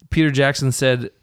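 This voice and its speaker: A man's voice: medium pitch, clean tone, dry recording, clean studio sound. A man hosting a podcast, chatting casually and enthusiastically about a film and sharing trivia. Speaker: podcast host.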